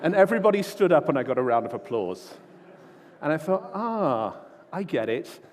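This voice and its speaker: A man's voice: a little high, sing-song, normal speed, slight background noise. A man giving an informal, self-deprecating keynote talk full of stories at a large conference. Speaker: conference speaker. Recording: long hall reverb.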